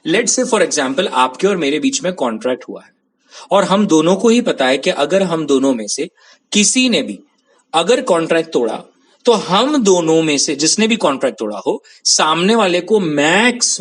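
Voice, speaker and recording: A man's voice: fairly high pitch, very animated, normal speed. A man from India giving a lecture on contract law, switching between Hindi and English and often checking that his students follow. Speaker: law teacher. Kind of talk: classroom-style lecture.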